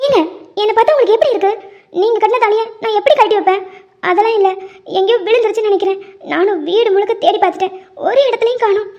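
A woman's voice: extremely high pitch, rapid-fire, darkish tone. Woman voicing Swetha, a tearful pleading young bride. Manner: whiny, pleading. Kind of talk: cartoon drama voice acting. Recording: dull lo-fi recording.

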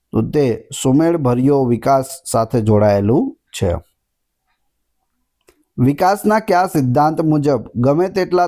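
A man's voice: on the high side, a little mellow. A man teaching an exam-prep lesson, reading out each question and then giving its answer.

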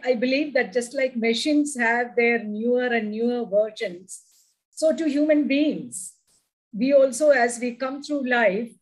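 A middle-aged woman with a South Indian accent, a native Malayalam speaker, reads her own poem and introduces it with explanation, using deliberate, expressive phrasing. Her voice is a little high, and she's on a video call from a room at home. The video call microphone gives low-quality audio.

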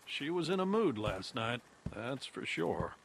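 An actor voicing a gruff, weathered older man in a game, plain-spoken and dry as he tells hunting stories. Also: mid-range voice, very animated, measured pace, fairly bright tone, exaggerated voice. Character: gruff weathered older uncle, folksy storyteller. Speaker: game character.

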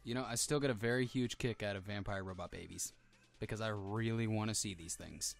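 A man's voice: fairly low pitch, brisk, vocal fry. A man co-commentating on a game with wry, sardonic casual banter. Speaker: co-commentator on a let's play. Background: game music.

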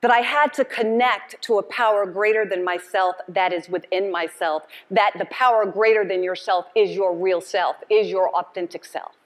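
Speaking at a mid-range pitch and a moderate pace with hardly any pauses, this middle-aged woman gives a passionate, emphatic motivational keynote, repeating phrases preacher-style and drawing call and response. She's on an indoor conference stage before an audience, and a long reverb tail follows her words.

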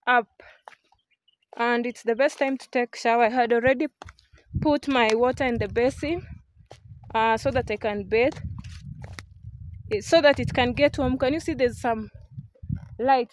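A young woman chats casually, pitched a little high, as she strolls about a farm. She records on a phone held at arm's length in the open air. Faint noise sits under her voice. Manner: chatty, walks while showing the farm. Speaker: village life vlogger. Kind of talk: casual vlog narration. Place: outdoors on a rural farm. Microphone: phone camera held at arm's length.

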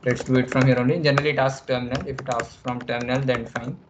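A young man with an Indian accent giving a casual, halting screen-share tutorial, thinking aloud as he goes. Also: medium pitch, flat delivery, background noise. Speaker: workshop presenter. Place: online video call, screen share. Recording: dull lo-fi call audio, typing clicks.

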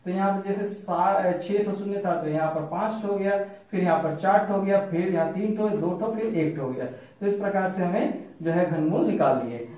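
A male math teacher, explaining a classroom lesson slowly and step by step to children. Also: high-pitched, warm tone. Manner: slow, repetitive explaining, addresses children directly. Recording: very echoey room, mic far off.

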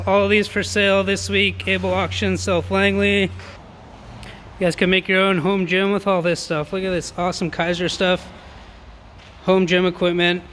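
A man with a high, bright, pushed voice shows off auction items in a casual promotional walkthrough, full of excited, slangy sales talk. He's indoors in a big warehouse showroom, and the recording picks up noticeable warehouse noise.

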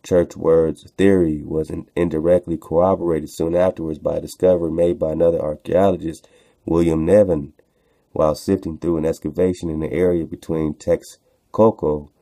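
A radio host with an extremely low, dark voice reads texts aloud and adds informal commentary, recorded with no echo. His delivery is rhetorical and preacher-like, repeating phrases for emphasis.

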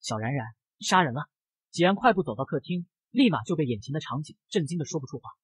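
A man telling a comic story in brisk narration. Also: a little high, sing-song, a little mellow, husky, no echo.

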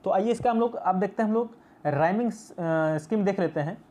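A man's voice: high voice, fairly quick, darkish tone. A male teacher explaining a poem in a class video, patient and repetitive, mixing English terms into his speech. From India.

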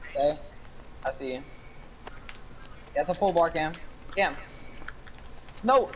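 A man's voice: a little high, animated, slow, a bit bright. A man gaming with friends, barking out plays and cussing at opponents. His voice swings up and down a lot, with faint noise in the background. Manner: trash-talking, profane, calling plays to teammates. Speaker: gamer playing online basketball with friends. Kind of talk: casual gaming chat.

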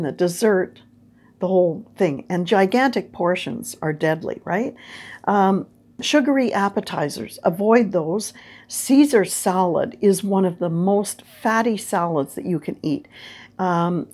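Chatty husky older woman teaching. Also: medium pitch. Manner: chatty, animated, gestures a lot, asks "right?" often. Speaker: health and diet video host. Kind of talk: casual instructional talk at a whiteboard. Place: indoor room before a whiteboard.

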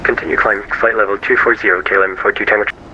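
A man playing a pilot, heard over a radio channel, reading back clearances in a casual way with a few fillers. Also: on the low side, steady tone, fast. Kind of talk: radio readbacks. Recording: muffled radio with static hiss.

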